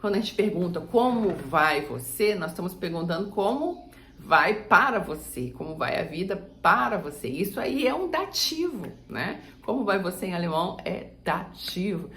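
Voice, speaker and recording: A Brazilian woman teaching German grammar and saying example sentences slowly for the viewer to repeat. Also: lowish voice, very animated, a bit bright, reverberant. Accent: Brazilian Portuguese. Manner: slow, drawn-out model sentences for repeating. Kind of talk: language lesson.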